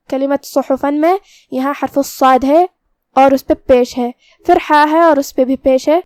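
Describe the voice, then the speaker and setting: A woman with a high voice teaches recitation rules, explaining each letter patiently and step by step. She slows down to demonstrate words one at a time. The recording is dry and close, with almost no room sound. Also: darkish tone, no room sound. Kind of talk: tajweed lesson with slow demonstrations.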